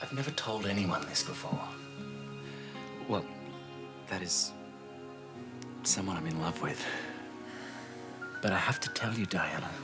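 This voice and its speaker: An actor with an Australian accent playing a lovestruck, earnest genie father, confiding troubles in a hushed, halting way. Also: a little high, very animated, gravelly, exaggerated voice. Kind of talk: television comedy-drama acting. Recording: loud music behind the voice.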